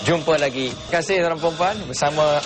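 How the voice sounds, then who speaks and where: A man's voice: fairly high pitch, fast, noisy background. A man with a Malaysian Malay accent hosting a religious talk show, politely reading viewer questions and taking callers.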